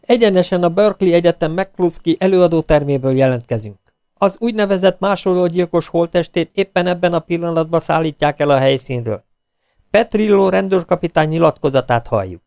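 A man voicing a brisk female TV news reporter with a newscaster delivery. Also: a little high, a little mellow, clean tone, no room sound, studio quality, voice pushed up, close to an everyday voice. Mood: announcing.

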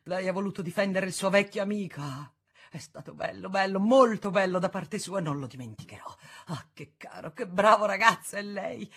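A woman reading an audiobook aloud, voicing an emotional middle-aged man who shouts and gushes with tearful joy. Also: mid-range voice, normal speed, slightly rough, pitched above the performer's own voice. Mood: overjoyed. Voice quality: loud, excited.

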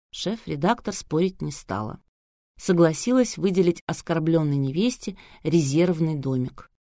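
A woman narrates a novel with lively storytelling. Her voice sits on the lower side and the recording is dry and close. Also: dry recording. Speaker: audiobook reader. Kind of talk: scripted narration.

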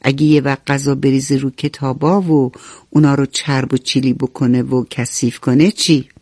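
A woman voicing a patient, gently firm mother in a bedtime storybook, coaxing and explaining. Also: rumbling low, flat delivery, slightly rough, no echo, clean studio sound, pitched below the performer's own voice, full character voice. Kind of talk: storybook narration.

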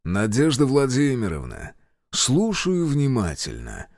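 A man's voice: mid-range voice, huge pitch swings, unhurried, a little mellow, no room sound, studio quality, full character voice. A man voicing a commanding general in his fifties, roaring over a phone line in an audiobook. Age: 50s. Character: roaring older male general on speakerphone.

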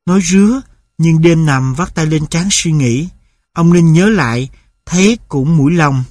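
A man narrates a novel in a steady, measured audiobook reading. His voice sits somewhat high for a man. The sound is close and dry, with no room echo.

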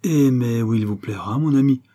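A man's voice: mid-range voice, normal speed, warm tone, natural voice. A man voicing a carefree, haughty young Parisian count in an audiobook reading, talking in a lofty, teasing way.

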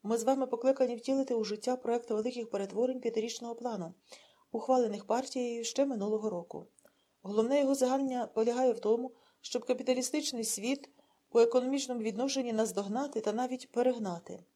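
A woman reading an audiobook and voicing a zealous male secret-police officer who speechifies until he is hoarse. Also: fairly high pitch, natural voice. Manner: fiery speechmaking, rising to shouts.

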